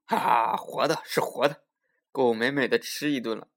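A man voicing a greedy, boastful big tiger in a children's story, blustering and groaning loudly. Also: mid-range voice, steady tone, fast talker, close to an everyday voice. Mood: gloating.

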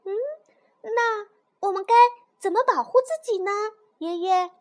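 A woman voicing a small, timid, excitable young male toad with a high, eager voice. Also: measured pace.

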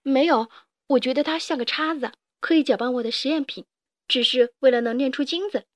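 An earnest young boy, voiced by a woman, apologetic and eager to explain. High voice, close and dry. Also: brisk, no room sound, lightly acted.

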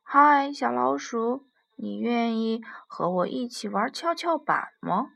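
A woman voicing a big, gentle male giraffe who talks in an earnest, insistent way in a storybook. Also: a little high, expressive, slow, vocal fry, heavily acted. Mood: friendly.

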